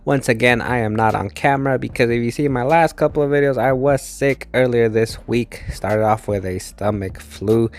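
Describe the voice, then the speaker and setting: Speaking at a normal speed with few pauses, the man reviews films casually in a close-miked voice-over. His voice is congested and tired, his manner low-energy, as he gets over having lost his voice.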